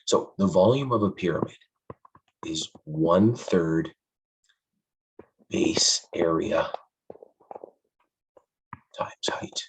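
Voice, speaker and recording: A man's voice: low voice, takes it slowly, long pauses, rough recording. A male math teacher, losing his voice, explains a lesson in a friendly way and stresses the key points to his students.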